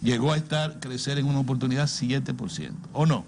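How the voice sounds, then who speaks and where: A man's voice: medium pitch, fairly quick, vocal fry, darkish tone. Older Dominican man, emphatic political talker, faint noise. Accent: Dominican Caribbean Spanish. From Dominican Republic. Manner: emphatic, repeats words, rhetorical questions. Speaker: political commentator on a talk show. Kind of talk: opinionated political discussion.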